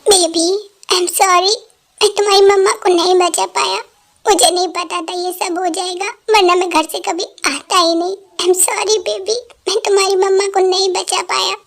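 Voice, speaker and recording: A woman's voice: very high-pitched, flat delivery, moderate pace, gravelly. A woman dubbing a grieving young husband in a fan drama, pleading and tearful. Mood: sorrowful. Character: grieving young husband, man in his twenties. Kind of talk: Hindi fan dub.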